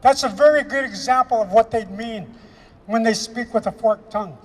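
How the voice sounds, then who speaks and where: A man from Canada delivering an impassioned speech at an outdoor rally, emphatic and repetitive, slowing down to stress key phrases. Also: extremely high pitch, long reverb tail. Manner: emphatic, repetitive, with slow weighty pauses. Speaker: rally speaker.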